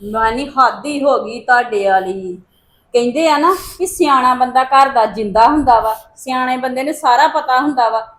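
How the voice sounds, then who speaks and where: A woman's voice: sits high, moderate pace, fairly bright tone. A woman acting as a young wife who defends herself against accusations in a family drama. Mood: indignant. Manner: defensive, pleading.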